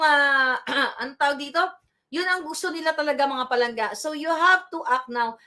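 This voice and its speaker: A woman giving animated, scolding political commentary, mixing in English phrases and asking her viewers for agreement. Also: high voice. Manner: animated, scolding, mixes Tagalog with English, asks "di ba?" often.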